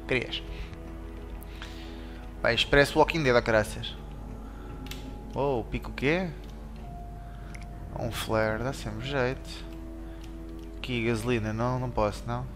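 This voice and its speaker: A man with a European Portuguese accent giving excitable commentary while playing a game, yelping and shouting at scares. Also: medium pitch, takes it slowly, long pauses. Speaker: let's play gamer. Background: game music.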